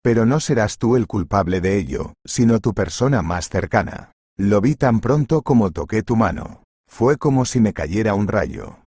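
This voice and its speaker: A man's voice: on the low side, animated, moderate pace, darkish tone, husky, dry recording, clean studio sound. A man voicing a timid, apologetic young woman who works as a kitchen helper in a storybook reading. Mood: fearful. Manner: apologetic, hesitant.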